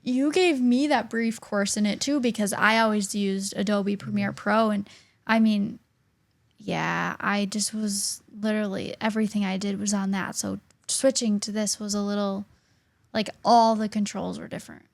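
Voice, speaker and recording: With vocal fry in her medium-pitched, fairly even voice, an early-20s podcast co-host chats at a moderate pace. She's thoughtful but talkative, and "literally" and "like" come up often among her many fillers.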